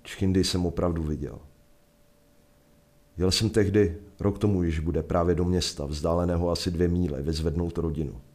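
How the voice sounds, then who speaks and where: Czech man, first-person story narration, deep voice, measured, vivid. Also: steady tone, darkish tone. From Czech Republic.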